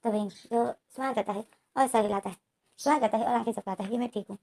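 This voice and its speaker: A woman's voice: a little high, steady tone, fast, warm tone. A woman casually retelling a romance story, narrating the plot and speaking the characters' lines in her own voice. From India.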